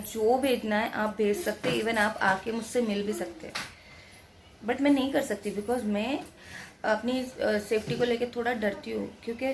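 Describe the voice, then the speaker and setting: A woman's voice: medium pitch, a little hiss or hum. A young woman vlogging from home, chatty and emphatic, repeating her points. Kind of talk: casual to-camera vlog talk.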